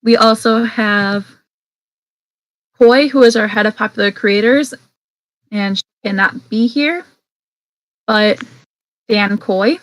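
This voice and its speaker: A woman's voice: fairly high pitch, takes it slowly, long pauses, no echo, poor audio. A woman hosting an online convention opening over a video call, chatty and teasing as she introduces the staff. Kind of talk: casual online call chat.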